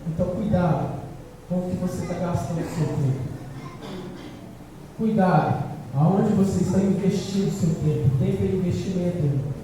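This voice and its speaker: A man preaching a sermon as presbyter, urgently repeating his warnings and calling out to "my brother", swinging between loud pleading bursts and quiet low warnings. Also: normal speed, pauses often. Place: church hall. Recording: echoey church hall picked up from far off, faint noise.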